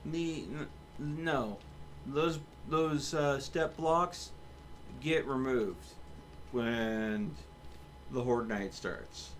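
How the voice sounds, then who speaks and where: Playing a game on his livestream, this host chats in a relaxed way and directs his teammates. He speaks at a medium pitch, drawing out his words, and a little hiss or hum is audible.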